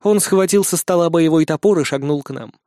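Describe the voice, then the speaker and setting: A man's voice: fairly high pitch, brisk, warm tone, no echo, clean studio sound. Man reading a fantasy story aloud. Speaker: narrator. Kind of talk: audiobook narration.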